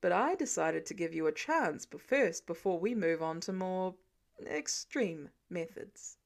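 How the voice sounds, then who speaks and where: A woman's voice: lowish voice, expressive, unhurried, creaky, pitched below the performer's own voice. A woman voicing a smug, teasing middle-aged billionaire man who drawls and probes dryly. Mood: drawling. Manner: dry, drawling, probing.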